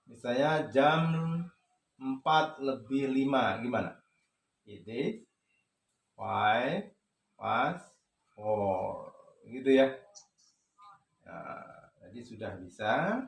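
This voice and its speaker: Slow-talking Indonesian male teacher. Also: on the low side, gravelly. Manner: mixes English and Indonesian, asks class questions. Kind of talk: classroom English lesson. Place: classroom. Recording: echoey classroom.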